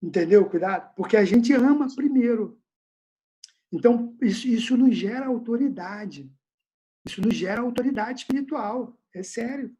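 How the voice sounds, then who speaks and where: A man's voice: very high-pitched, animated, moderate pace, mellow. A male pastor leading an informal Bible study question-and-answer session over a video call from home, talking in a casual, slangy, conversational way.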